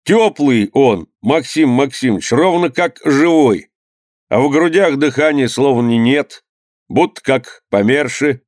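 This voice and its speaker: A fussy old village healer talks slowly and soothingly in folksy speech, as a male reader acts him out. The voice sits a bit higher than the reader's own, recorded dry and close. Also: a little mellow, dry recording, natural voice. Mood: puzzled.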